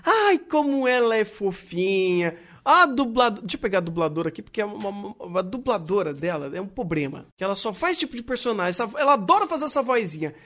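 Co-host, lively swooping pitch, rambling and profane, casual chat; cast for an easygoing podcast. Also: fast. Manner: animated, rambling, swears freely.

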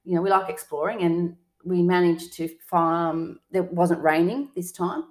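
A woman's voice: on the low side, unhurried, poor audio. A woman co-hosting a travel podcast, chatting casually with plenty of fillers and restarts. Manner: rambling, lots of fillers and restarts. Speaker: podcast co-host.

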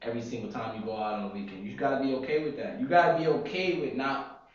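A man's voice: medium pitch, quick pace. A young man co-hosting a casual podcast chat, laid-back and opinionated, making his points with slang. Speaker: podcast co-host. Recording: echoey, dull lo-fi room.

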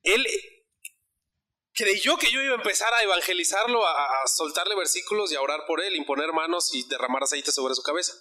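A man's voice: fairly high pitch, lively intonation, fairly quick, bright, forceful tone. A man preaching a sermon, telling a personal story in a conversational way and asking the congregation questions.

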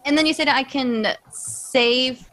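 Woman, tabletop player, excitable, laughs and swears, slightly high voice. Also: slow pace. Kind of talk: casual tabletop play.

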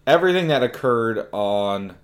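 A man co-hosting a casual film review podcast, talking in a relaxed, agreeable way. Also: mid-range voice, moderate pace. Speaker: podcast co-host.

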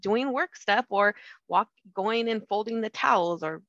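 A woman's voice: mid-range voice, a little slow, a bit bright, dry recording. A middle-aged woman hosting a podcast, chatty and encouraging in casual conversation. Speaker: podcast host. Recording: dull, dry lo-fi sound.

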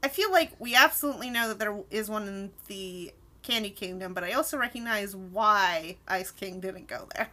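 A woman with a mid-range voice co-hosts a podcast at a moderate pace, reviewing a cartoon episode in casual, enthusiastic chat. She's animated and steers the conversation.

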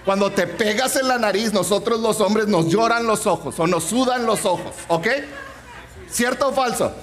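A man's voice: high voice, normal speed, a faint crowd. A man, preaching a sermon and telling a funny personal story. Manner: humorous, animated storytelling.

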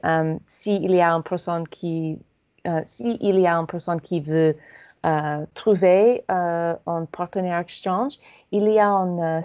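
Slow, hesitant American woman, dull audio. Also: lowish voice, a little mellow. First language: English. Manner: hesitant, searching for words, many fillers. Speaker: language learner guest. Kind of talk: halting conversational French.

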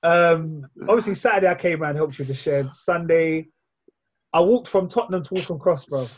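Casting: male host, London roadman accent, higher husky voice, slangy chat, slightly lo-fi recording. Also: a little fast. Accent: London roadman, multicultural urban slang. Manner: slangy, asks the others questions. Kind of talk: casual group chat.

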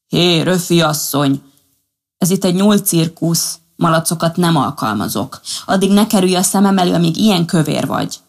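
A nasty circus boss who bullies his staff, as a woman puts him on. He scolds with contempt in a low, husky, gravelly storybook voice. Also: expressive. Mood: scornful. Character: nasty male circus director, bullying and loud.

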